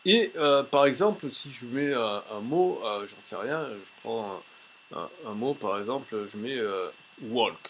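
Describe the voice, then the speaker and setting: A man teaching a language tips lesson in a casual, chatty way, pausing often with fillers as he shows a website on screen. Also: mid-range voice, lively intonation, a little hiss or hum. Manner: chatty, many "euh" fillers and restarts. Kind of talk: casual tutorial with screen demo.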